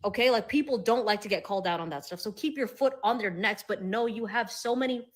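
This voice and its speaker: A woman's voice: mid-range voice, fast talker. A woman giving a blunt, profane, emphatic rant straight to camera as a social media commentator.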